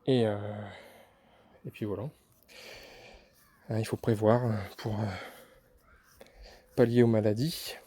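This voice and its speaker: A man from France, filming on a handheld phone, gives a hesitant, chatty vlog tour of his vegetable garden as the neighbours party in the background. His fairly low, mellow voice barely moves in pitch and goes slowly with long pauses, laced with fillers and self-deprecating remarks. The recording is dry.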